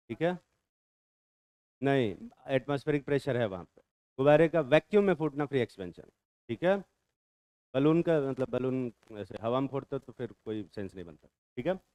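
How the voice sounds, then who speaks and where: A man's voice: a little high, a little mellow, smooth, no room sound. A male chemistry teacher, lecturing a class in a bantering way, quizzing students and answering his own questions.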